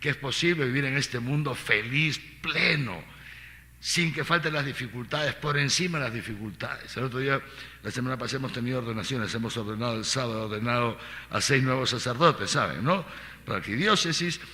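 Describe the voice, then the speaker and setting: Bright-voiced archbishop preaching in a hall. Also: male voice, mid-range voice, fairly quick. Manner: lively preacher, rhetorical questions, repeats phrases. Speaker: archbishop giving catechesis. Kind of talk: catechesis talk to a congregation. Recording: long reverb of a large hall.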